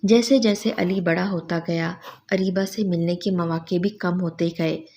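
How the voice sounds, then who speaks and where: A woman reading a sad story aloud in a soft, even, sorrowful narration. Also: fairly low pitch.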